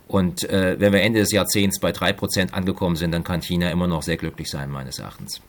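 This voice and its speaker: Measured, low-voiced male expert. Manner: measured, analytical, with frequent hesitations. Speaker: economics professor, interview guest. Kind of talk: expert interview answers.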